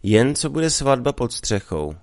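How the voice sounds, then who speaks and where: A man reading a story aloud, voicing a calm, evasive young village man who teases his sweetheart. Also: medium pitch, no room sound, studio quality. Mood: sly calm.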